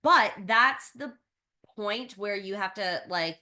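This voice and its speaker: A young woman co-hosting a podcast in casual chat, animated and acting out her own thoughts. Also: medium pitch. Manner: animated, quick to act out inner thoughts. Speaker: podcast co-host. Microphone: podcast mic, in person.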